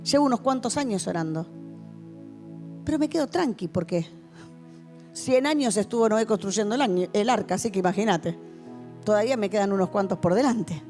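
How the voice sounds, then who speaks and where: A woman's voice: medium pitch, animated, a little fast, pauses often, dark tone, soft background music. A woman pastor with a Rioplatense Spanish accent, giving a passionate testimony sermon to a youth meeting in a church hall. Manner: passionate, vivid storytelling.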